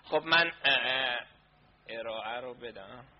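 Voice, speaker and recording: A man's voice: mid-range voice, lo-fi sound, a little hiss or hum. A man presenting a live online class, flustered as he sorts out connection and sound problems aloud. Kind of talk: casual talk during a live online session.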